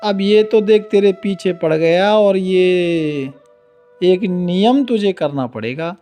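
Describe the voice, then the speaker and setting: Man playing a kindly old guru, fatherly, gentle, high voice, slow speech. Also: soft background music. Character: kindly, playful elderly male guru.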